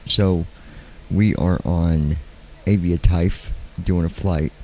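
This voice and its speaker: A man live-streaming in casual, halting talk, keeping his voice quiet at night so as not to wake anyone. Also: low-pitched, steady tone, slight background noise. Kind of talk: casual chat, flight sim livestream. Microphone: handheld studio microphone.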